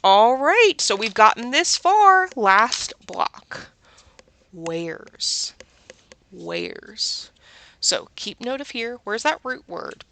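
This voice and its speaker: A woman's voice: on the high side, very animated, slow pace, few pauses, bright, forceful tone, slight background noise. A woman with a Southern US accent teaching a children's reading lesson, patiently asking questions and answering them herself.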